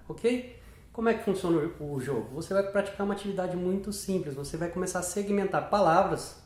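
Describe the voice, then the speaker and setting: A man's voice: fairly high pitch, a little mellow. Guy teacher explaining stuff to parents, keeps asking ok?, echoey room. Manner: explanatory, repeats checks like "ok?" and "né?". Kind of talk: instructional talk to parents.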